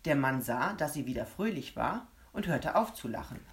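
Low-voiced woman reading a children's story. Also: very animated, moderate pace. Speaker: audiobook narrator. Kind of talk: scripted narration of a children's story.

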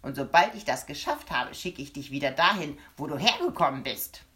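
Brief: woman doing a nasty little man in a storybook, loud and sneering, swooping pitch. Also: lively intonation, fairly quick. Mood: grumbling. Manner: shouting, sneering, gleeful cruelty. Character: spiteful little man who hates children. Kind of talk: audiobook character voice.

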